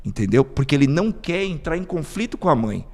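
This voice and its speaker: Podcast host man, animated and gravelly, lots of rhetorical questions, echoey reverberant room. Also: a little high, brisk. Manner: emphatic, rhetorical questions, acts out scenes. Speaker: psychoanalyst host. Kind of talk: podcast discussion.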